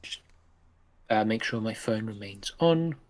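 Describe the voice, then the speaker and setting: A man playing a tabletop role-playing game, improvising dialogue in a halting, hesitant way. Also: fairly low pitch, expressive.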